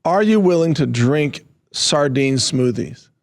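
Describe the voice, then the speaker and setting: A man's voice: on the high side, lively intonation, takes it slowly. A man from the American Midwest, a podcast guest who explains things with an amused, incredulous edge. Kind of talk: casual conversation.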